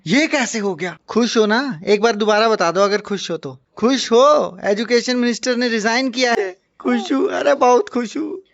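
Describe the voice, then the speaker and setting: A man's voice: high voice, moderate pace, few pauses, fairly bright tone, no echo. An Indian man teasing his family with mock-stern scolding at home. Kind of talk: playful family banter. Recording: dull lo-fi home recording.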